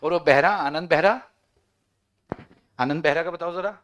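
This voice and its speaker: A man's voice: a little high, unhurried, a bit bright, dull audio, slight background noise. A man teaching a law class online, joking and bantering with his students.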